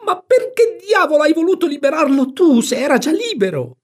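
A man's voice: on the high side, lively intonation, moderate pace, a little mellow, husky. A man voicing an exasperated, flustered storybook aunt who sputters and scolds. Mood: indignant.

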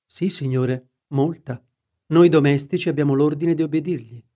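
A man's voice: a little high, steady tone, moderate pace, dark tone, natural voice. A man voicing an old, respectful male butler who answers plainly. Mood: deferential.

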